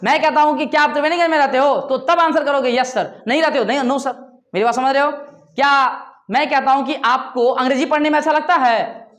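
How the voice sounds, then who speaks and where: A man with an Indian accent teaching English in a classroom lecture. He speaks English slowly, spelling words out, then explains quickly in Hindi and keeps checking that the students understand. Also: very high-pitched, fairly bright tone.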